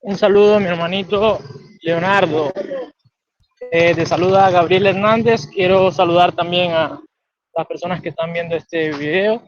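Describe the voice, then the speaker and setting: A man from Venezuela with a Venezuelan accent, a guest calmly explaining a philosophical idea in conversation. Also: sits high, moderate pace, lo-fi sound.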